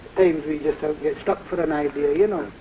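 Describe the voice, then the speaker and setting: A man's voice: fairly high pitch, fairly even intonation, fairly quick. A man talking casually in an interview as a union activist. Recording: dull, noisy old archive recording.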